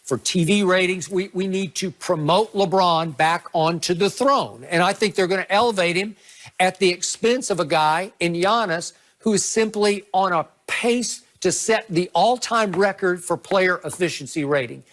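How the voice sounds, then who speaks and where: Emphatic high-voiced man debating sports. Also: moderate pace, fairly bright tone. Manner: argumentative, emphatic.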